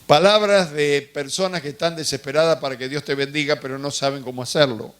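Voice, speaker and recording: Pastor guy, fairly high voice, chatty preaching, keeps asking the crowd questions. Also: steady tone, brisk, fairly bright tone, clear, resonant tone. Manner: conversational storytelling with questions to the congregation. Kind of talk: sermon.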